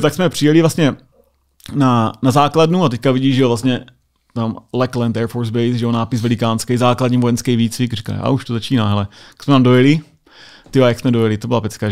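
A man's voice: medium pitch, darkish tone. A Czech man, a US Air Force sergeant, telling anecdotes in a casual interview, full of filler tags. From Czech Republic.

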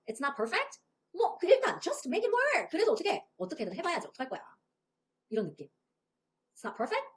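A young adult woman teaching a beginner English lesson, explaining in lively Korean and modeling English phrases slowly. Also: a little high.

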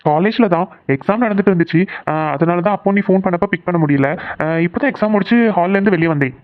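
A man's voice: high-pitched, quick pace, natural voice. A man voicing an easygoing young college student chatting casually with a friend. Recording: tinny phone-like recording.

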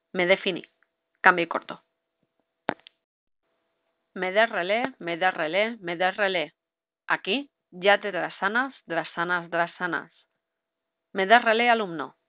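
A woman's voice: on the low side, no echo. A woman instructor reciting formal marine radio calls in set procedure wording. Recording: dull lo-fi recording.

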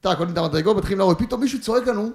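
A man's voice: sits high, vocal fry, darkish tone. A man who is a guest on a podcast, telling a long funny story in casual chat and acting out what people said. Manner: rambling, jokey storytelling with acted-out quotes.

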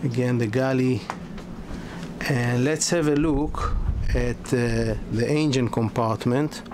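Slow-talking man touring a sailboat. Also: mid-range voice, steady tone. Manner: halting, many fillers and restarts. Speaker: yacht broker. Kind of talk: walkthrough tour. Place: inside a sailboat cabin. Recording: noisy ambience.

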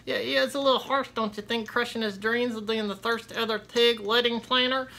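A man voicing a cheeky, pestering boy ventriloquist dummy with a squeaky voice in a comic puppet routine. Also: steady tone, fairly quick, vocal fry, sharp tone, full character voice, poor audio. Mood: needling. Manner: needling, argumentative.

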